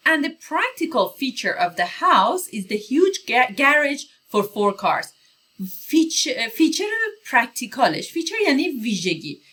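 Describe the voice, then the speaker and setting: A woman with a Persian accent teaching English vocabulary, explaining each word and reading English phrases slowly and clearly. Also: on the high side, fairly bright tone. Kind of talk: vocabulary lesson.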